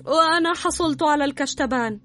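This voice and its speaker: A man's voice: very high-pitched, fast talker, bright, forceful tone, faint music behind, voice pushed up. A squealing cheeky girl, as a man puts her on. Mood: teasing.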